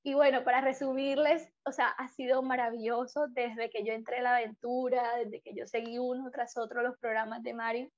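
A woman's voice: a little high, little pitch movement, normal speed, few pauses, highs cut off. A Colombian woman with a Colombian Spanish accent giving an earnest personal testimonial, full of fillers and restarts. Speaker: program participant giving a testimonial.

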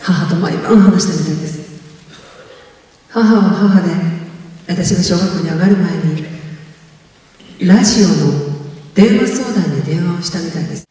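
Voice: mid-range voice, normal speed, long pauses. A lecturer, telling a life story to an audience and acting out the quoted voices. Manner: expressive storyteller, acts out quotes, drops to whispers. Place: large lecture hall. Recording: echoey hall, voice from far off.

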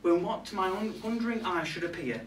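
In a small pub room, a young man in a lightly acted turn plays a catty male reindeer who resents Santa's crew, his high-pitched voice brisk, sarcastic and gossipy. He makes indignant, arch asides to the live audience, and the far camera picks up an echoey room and background noise.

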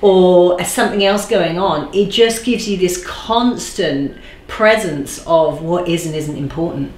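A woman in her forties, a guest in an interview, speaking thoughtfully and slowing down to stress key phrases. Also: fairly low pitch, a little mellow. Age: 40s. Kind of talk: reflective conversational interview. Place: bright living room, seated on a sofa. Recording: roomy echo.

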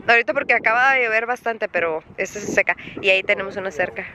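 A woman's voice: mid-range voice, quick pace. A woman, chatting casually to her viewers as she tours her rural family property and calls out to her dogs. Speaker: vlogger. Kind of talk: casual home vlog tour. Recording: noisy outdoor recording with animals and vehicles.

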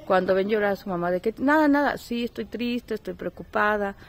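Mom vlogger in her thirties, gentle emotional delivery, phone camera in the home kitchen. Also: mid-range voice, a little fast, rough recording. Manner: soft, emotional and heartfelt, thanking viewers. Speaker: vlogger, mother and small business owner. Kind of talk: casual vlog talk to viewers. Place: home kitchen, a film playing in the background.

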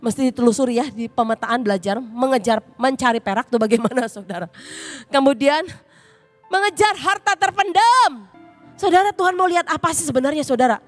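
A woman's voice: fairly high pitch, fast talker, soft background music. A woman pastor preaching a sermon with emotion, often turning to her listeners.

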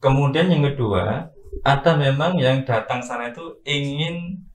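Male Quran teacher, mid pitch, calm explainer, distant roomy sound. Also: measured pace. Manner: calm explanatory, adds "ya" tags. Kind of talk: casual interview.

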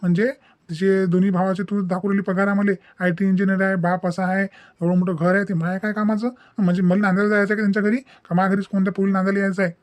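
The speaker, a man with a high-pitched, near-everyday voice, rattles off lines rapid-fire with little pitch movement and no echo. He's dubbing a comic family cartoon as a defiant, principled young adult son emphatically lecturing his mother in a Vidarbha Maharashtrian dialect.

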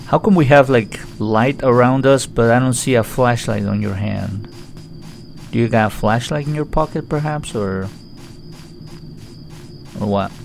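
A man's voice: mid-range voice, measured pace, gravelly, pauses often. A man giving chatty, joking let's-play commentary on a horror game. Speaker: gaming YouTuber.

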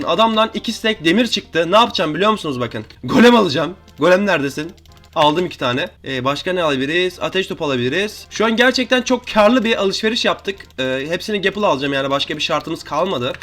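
A young man with a high voice rattles off quick, excitable gameplay commentary, chatting to his viewers and teasing opponents as he plays. Keyboard and mouse clicks tap away under his voice. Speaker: gaming youtuber.

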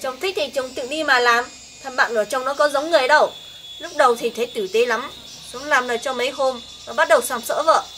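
A woman's voice: high voice, quick pace, fairly bright tone, slight background noise. A woman playing an indignant young wife in a comedy sketch, scolding and blunt. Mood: resentful. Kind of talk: amateur comedy sketch acting.

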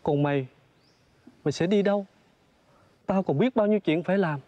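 A man's voice: sits high, moderate pace, dark tone, lightly acted. A man playing a kindly, fussy photographer in reformed opera, coaxing and scolding a baby monkey. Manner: coaxing, scolding, exclaims often. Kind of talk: reformed opera spoken dialogue.

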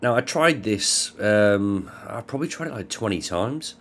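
A man's voice: on the low side, lively intonation, measured pace, a bit bright. A man from the north of England, chatting casually to camera with rambling, self-correcting restarts. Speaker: video creator.

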